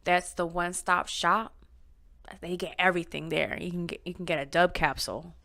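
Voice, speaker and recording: A woman's voice: lowish voice, fairly even intonation, moderate pace, creaky, pushed and bright. A young woman hosting a casual podcast, bubbly and laughing often between her sentences. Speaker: podcast host.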